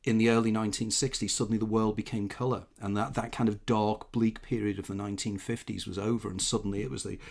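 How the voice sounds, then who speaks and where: A man's voice: fairly low pitch, flat delivery, fast talker, creaky, few pauses, darkish tone. An older man hosting an interview, reflective and fond of tag questions. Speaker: interview host. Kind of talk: conversational interview.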